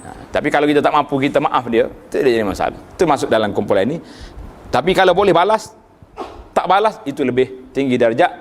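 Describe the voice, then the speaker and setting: A man giving a religious lecture, reciting Arabic verses and rising sharply in pitch for emphasis. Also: expressive, fast talker. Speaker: preacher.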